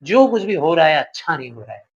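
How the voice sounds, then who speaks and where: A man reading the lines of an elderly woman landowner, gentle and worried, in a story lesson. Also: fairly high pitch, sing-song, fairly quick, breathy edge, dull audio, heavily acted. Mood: gentle, concerned.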